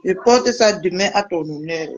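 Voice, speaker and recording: A woman's voice: fairly low pitch, normal speed, dull audio. A woman vlogger, chatting casually and teasingly to her viewers. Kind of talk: casual live video chat.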